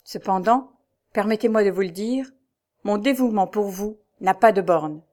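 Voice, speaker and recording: A woman's voice: medium pitch, normal speed, darkish tone, close to an everyday voice. A woman voicing an earnest, loyal young knight who asks eager, concerned questions, in an audiobook reading.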